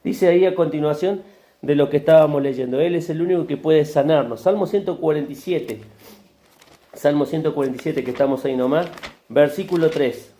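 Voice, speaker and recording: A man's voice: a little high, brisk, mellow. A male pastor, preaching a sermon with rhetorical questions and repetition. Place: church hall. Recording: echoey church hall.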